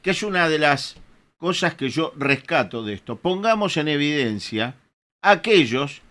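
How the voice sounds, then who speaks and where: Argentine man, lecturing panelist, high and bright. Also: expressive, moderate pace. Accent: Argentine Spanish. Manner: insistent, lecturing, pointed. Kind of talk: heated panel debate.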